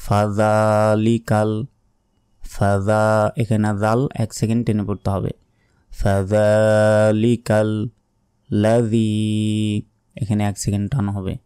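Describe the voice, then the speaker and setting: A man teaching Quran recitation, explaining pronunciation step by step, repeating words and chanting verses with long drawn-out notes. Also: on the low side, level tone, mellow, clear, resonant tone, no echo, clean studio sound. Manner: slow and careful, repeats words to correct pronunciation.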